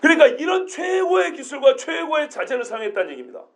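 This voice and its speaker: A male pastor preaching an expository sermon, animated, throwing rhetorical questions at the congregation. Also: extremely high pitch, quick pace, vocal fry.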